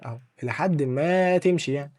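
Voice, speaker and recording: A man with an Egyptian Arabic accent hosting a casual, joking software tutorial and talking straight to the viewer. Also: on the high side, fast. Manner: chatty, joking, addresses viewer as dear artist. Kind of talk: casual screen-recorded tutorial.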